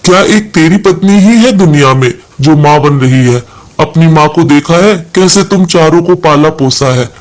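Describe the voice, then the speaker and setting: A man's voice: on the high side, moderate pace, natural voice. Storybook father-in-law, bitter and reproachful, read by a man.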